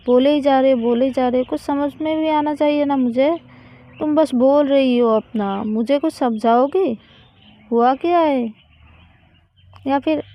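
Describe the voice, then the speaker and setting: Confused young college woman voiced by a woman reader, coaxing questions, slow, dull lo-fi sound. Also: high voice, no room sound.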